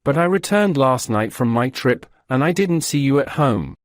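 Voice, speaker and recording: A man's voice: mid-range voice, lively intonation, normal speed, no echo, clean studio sound, voice pushed up, lightly acted. A man voicing an anxious, tired wealthy homeowner in a storybook reading. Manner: anxious, tense.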